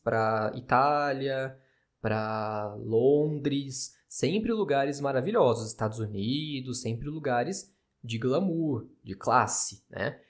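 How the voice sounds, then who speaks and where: A man with a Brazilian Portuguese accent, an astrologer hosting a podcast, explaining in a chatty, skeptical way with frequent tag questions. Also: mid-range voice. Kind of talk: casual explanatory monologue.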